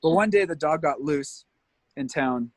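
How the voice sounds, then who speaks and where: A man's voice: on the high side, animated, unhurried, a little mellow, dry recording. A man from Canada, a tour guide, telling rambling stories in a casual interview, laughing often and leaning on fillers.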